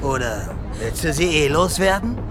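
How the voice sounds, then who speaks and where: An actor playing a brutal, swearing young gang leader in a radio play, threatening teenagers. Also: male voice, a little high, animated, normal speed, over music, close to an everyday voice. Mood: menacing. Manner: crude, swearing, menacing.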